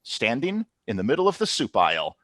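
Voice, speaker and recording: Guy game mastering over zoom, bouncy bright voice, dry close sound. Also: mid-range voice, brisk, dry recording. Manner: lively storytelling, calls for checks. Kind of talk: narrating a tabletop game. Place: home. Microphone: video call.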